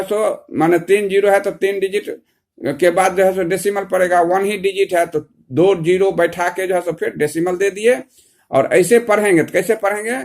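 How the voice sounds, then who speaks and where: A male teacher explaining a math lesson step by step, with many repeated fillers and slowly drawn-out numbers. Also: high voice. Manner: repetitive, filler-heavy, slow drawn-out numbers.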